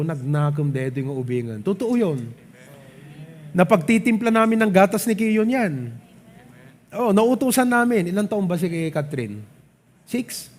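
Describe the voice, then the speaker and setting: A Filipino man preaches in a high, bright voice. He talks animatedly, checking with the congregation again and again. His speech slides easily between English and his local words. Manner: animated, asks the crowd "di ba?" often; mixes English and local speech, light laughs. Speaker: pastor. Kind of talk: sermon. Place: church service.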